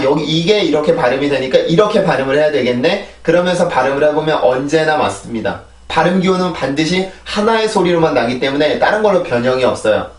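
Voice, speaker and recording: Male pronunciation teacher, slightly high voice, patient drills, echoey room. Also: far from the mic. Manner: explains patiently, repeats words in drills, asks "right?" often. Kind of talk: online lesson. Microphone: camera-mounted shotgun mic on a phone. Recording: echoey room, voice a bit off-mic.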